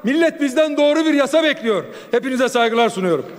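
Male lawmaker at a rostrum microphone, high and forceful, echoing chamber. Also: expressive, fast. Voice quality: forceful, raised, declamatory delivery. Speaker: member of parliament giving a speech. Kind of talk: parliamentary floor speech. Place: large parliament chamber. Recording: long reverb of a large chamber.

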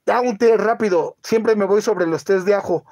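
A man, hosting a casual live-stream chat and telling a halting story full of fillers. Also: high-pitched, a little mellow. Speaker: channel host.

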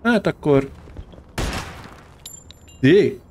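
A man hosting a gaming channel, giving casual let's-play commentary, excitable, swearing and taunting the enemies on screen. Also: fairly high pitch.

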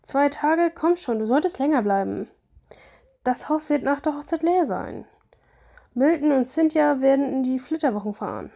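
A woman voicing an excitable young male housekeeper who is a starstruck fan, reading his lines in a flustered, raised voice. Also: sits high, moderate pace, creaky, heavily acted. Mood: coaxing.

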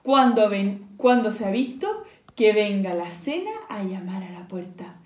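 A woman voicing a hungry, sly fox in a read-aloud storybook, slow and gloating. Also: medium pitch, animated, darkish tone, lightly acted. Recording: echoey room.

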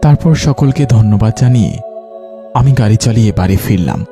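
A man's voice: lowish voice, expressive, moderate pace, over music. A man narrating a dramatized first-person ghost story in an earnest, dramatic way.

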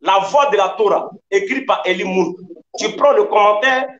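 A man's voice: sits high, moderate pace, a bit bright, roomy sound, highs cut off, a little hiss or hum. A man arguing in a heated online debate, insistent and lecturing, repeating his points over a video call.

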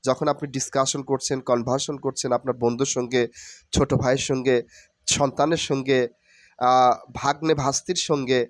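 A man's voice: mid-range voice, little pitch movement, fairly quick, no echo. A man giving a spoken English pronunciation lesson that mixes Bengali and English, earnest and repeating each letter over and over.

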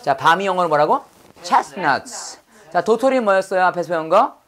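A middle-aged woman teaching English vocabulary, leading slow call-and-repeat drills and coaxing her students to say each word after her. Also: fairly low pitch, lively intonation.

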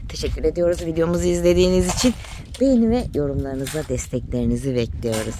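A woman's voice: low voice, quick pace. A woman chatting casually in a family vlog, teasing and talkative, sometimes dropping to a whisper. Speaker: vlogger mother. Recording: noisy outdoor background.

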